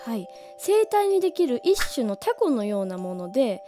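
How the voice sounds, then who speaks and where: A woman, slightly hoarse from a cold, explaining things as a voice-training teacher in a friendly, animated way that stretches key words slowly. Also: fairly high pitch, faint music behind. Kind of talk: casual explanatory talk.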